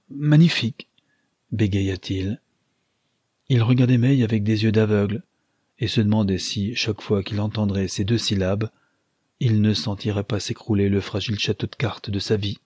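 A man reading a literary novel aloud as an audiobook narrator, in a measured, even manner. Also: lowish voice, breathy edge, dry recording, clean studio sound.

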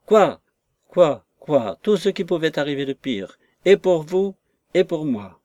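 A man's voice: medium pitch, normal speed, darkish tone, no room sound, muffled recording, lightly acted. A man voicing a distraught lady's maid, a woman who wails and pities herself in a raised, plaintive voice. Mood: lamenting.

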